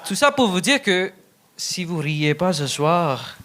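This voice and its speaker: A young man from India, a Telugu speaker, doing a deadpan, self-deprecating stand-up set. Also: sits high, slow, heavy background noise. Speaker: stand-up contestant.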